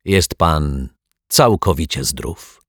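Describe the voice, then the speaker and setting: A man's voice: expressive, drawn-out words, fairly bright tone, husky, no echo, clean studio sound, heavily acted. A man voicing a self-assured, thoughtful male detective in a children's story, speaking confidently. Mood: pondering. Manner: confident and booming. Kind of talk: storybook character voice.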